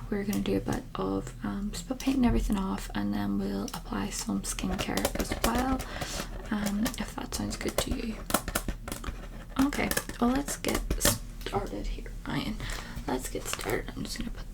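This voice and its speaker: A woman in an ASMR role-play, giving breathy ASMR personal attention close to the mic, with tingly mouth sounds and softly repeated words. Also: mid-range voice, lively intonation, measured pace, heavy background noise. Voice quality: breathy unvoiced soft voice. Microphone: close-up ASMR microphone.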